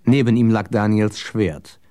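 A man's voice: on the low side, measured pace, warm tone, clear, resonant tone, no room sound. Man narrating a novel, dry studio sound. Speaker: audiobook narrator. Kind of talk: scripted narration.

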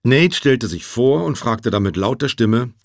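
A man narrating an audiobook in a measured, expressive storytelling manner. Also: medium pitch, dry recording, clean studio sound.

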